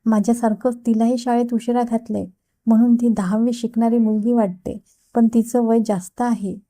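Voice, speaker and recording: A woman's voice: on the high side, flat delivery, normal speed, dark tone, lightly acted. A woman voicing a playful, insistent young woman who teases her brother, read in an audiobook. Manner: teasing and insistent. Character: young woman, teasing playful sister figure.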